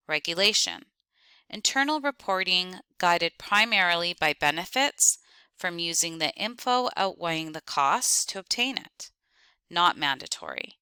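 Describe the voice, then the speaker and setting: A woman lecturing on accounting, reading out terms, definitions and lists in clipped, deliberate steps. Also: fairly low pitch, bright, forceful tone, clean tone, no echo. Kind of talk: reading lecture slides aloud.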